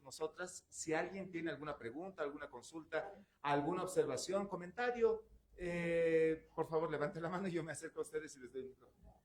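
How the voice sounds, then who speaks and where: A man's voice: a little high, a little hiss or hum. A man moderating the event, thanking the speaker and inviting questions in a friendly way. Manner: warm, friendly address to the audience.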